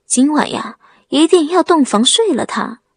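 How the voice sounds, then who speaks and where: A woman's voice: high-pitched, animated, a little slow, creaky, no echo, heavily acted. A woman voicing a stubborn, smug young husband from the countryside who blusters and boasts. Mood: blustering.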